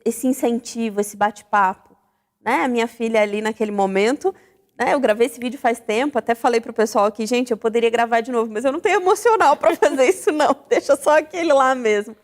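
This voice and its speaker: Female talk-show host, high-pitched, reflective and questioning, long room reverb. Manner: reflective, animated, asks the audience questions.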